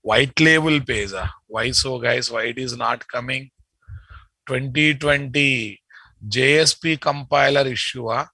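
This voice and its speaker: In a dry, echo-free recording, a male coding teacher with a Telugu accent addresses students during a live coding session. His mid-range voice is sharp and forward with some creak, his pace measured and slow, and he keeps restating phrases and tacking questions onto the ends of sentences to check understanding.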